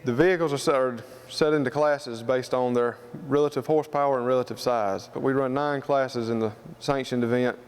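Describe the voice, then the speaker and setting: A man's voice: mid-range voice, steady tone, a little fast, hardly any pauses, clean tone. A man with a Southern US accent giving an informal interview, explaining things in a plain-spoken, folksy way. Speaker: student club president being interviewed.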